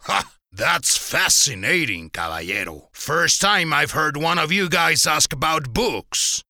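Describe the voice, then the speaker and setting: A man's voice: on the high side, lively intonation, measured pace, sharp tone, dry recording, studio quality, exaggerated voice. A man voicing a smug, talkative male cat who lectures like a revolutionary and laughs at his own jokes. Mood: lecturing.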